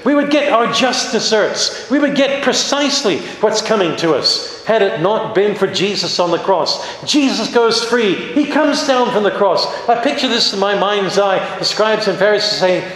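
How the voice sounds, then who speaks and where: A man's voice: sits high, normal speed, few pauses. Preacher man in an echoing hall. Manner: animated, rhetorical questions, dramatic emphasis on key words. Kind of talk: sermon. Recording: very echoey hall with long reverb.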